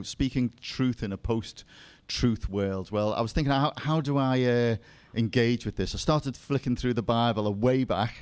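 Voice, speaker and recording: A man from England with a Liverpool accent gives a seminar talk on faith to a live audience, sprinkling in self-deprecating jokes and asides. His voice is mid-range and a little mellow.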